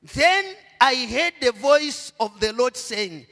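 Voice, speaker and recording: Slowly, in a high and lively voice, a middle-aged Zambian pastor preaches on an indoor church stage, calling on the congregation to fill in his words. His handheld mic carries long reverb from the hall as he shifts from low murmurs to loud, stretched-out proclamations.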